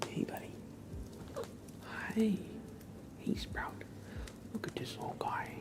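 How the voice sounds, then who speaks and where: This ASMR live chat features a man whispering softly and breathily. His casual delivery is loose and meandering, with frequent pauses.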